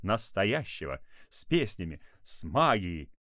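A spoiled, self-important fir tree speaks in a smooth baritone, complaining and making demands, as a man reads it out. The lines swing widely in pitch with a haughty lift. It sits close and dry, like a storybook read at the mic. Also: expressive, takes it slowly, darkish tone, dry recording, heavily acted. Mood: indignant. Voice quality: pleasant baritone. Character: pompous diva fir tree, baritone-voiced.

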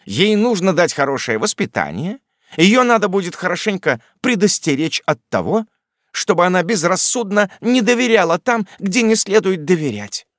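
A man voicing a stern, imperious elderly aunt in an audiobook, speaking in a high, clipped, scolding and impatient way. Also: big pitch swings, normal speed, no room sound, clean studio sound. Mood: commanding. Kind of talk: audiobook character reading.

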